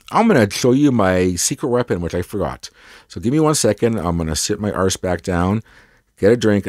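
Low voiced guy w a stuffed up cold, chatty rambly hi-fi vlogger, dry sound. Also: a little mellow, no echo. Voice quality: stuffed-up, congested. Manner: rambling, enthusiastic, self-deprecating. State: has a cold. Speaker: host of a hi-fi audio gear tour video. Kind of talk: casual chat to camera.

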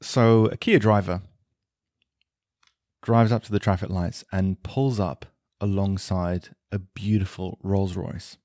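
A man hosting a podcast, telling a story in a relaxed, unhurried way with occasional ums. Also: deep voice, dry recording, studio quality. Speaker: podcast host, leathercraft teacher. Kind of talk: casual storytelling talk.

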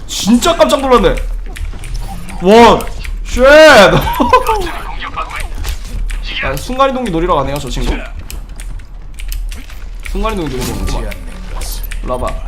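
A man with a high voice commentates his own game in a casual, excitable way. His pitch swings widely as he mutters to himself, adds silly sound effects and bursts into exclamations. Loud music plays behind him. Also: a little fast, long pauses. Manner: excitable, breaks into shouts and exclamations. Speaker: gamer commentating own match. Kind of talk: live gameplay commentary, casual.

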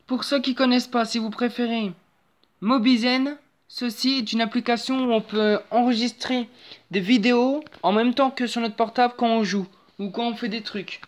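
A young woman hosts her own channel, chatting casually over a phone screen recording. Her slightly high voice stays fairly even at a moderate pace, and her talk is rambling and hesitant, full of fillers and restarts.

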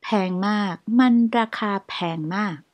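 A Thai woman with a Thai accent who teaches English, saying each short phrase slowly twice and then explaining it quickly. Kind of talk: language lesson, repeating phrases slowly.

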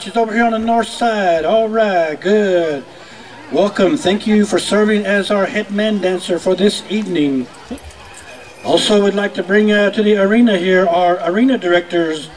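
A man with a high-pitched voice announces as a powwow emcee. He speaks into a public-address microphone outdoors. His delivery is informal and folksy, calling out to people and prompting applause as he makes introductions. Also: rough recording. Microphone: public-address microphone at announcer's stand.

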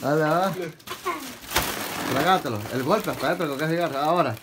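A woman's voice: sits low, brisk. A woman bantering casually and bossily egging others on, recorded on a phone in a small bedroom. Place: small attic bedroom indoors. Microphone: handheld phone. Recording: very noisy home phone video, clicks.

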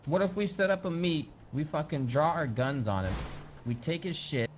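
A man's voice: fairly high pitch, animated, normal speed. Brash, joking man in casual game role-play; swears freely; dull lo-fi sound, faint hiss. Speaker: streamer playing a character.

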